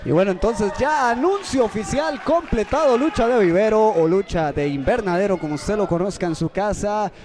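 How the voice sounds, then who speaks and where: A man doing excited wrestling commentary, reacting with exclamations. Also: sits high, normal speed, hardly any pauses, noisy background. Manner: exclamatory, reacting with repeated cries. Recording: loud crowd behind.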